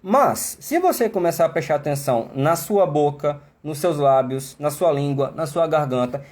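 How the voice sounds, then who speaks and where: Brazilian man, English teacher on a live stream, slightly high voice, conversational, explains with lots of asides. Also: lively intonation, moderate pace, a little mellow. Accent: Brazilian Portuguese. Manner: chatty, explanatory, many tag questions. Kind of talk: live online class.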